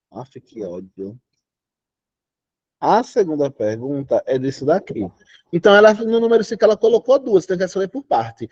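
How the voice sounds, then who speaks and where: Lively, high-voiced Brazilian man teaching. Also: no echo. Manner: lively, emphatic, checks in with students often. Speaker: Portuguese teacher. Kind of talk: online exam-prep class. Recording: dull, lo-fi online class audio.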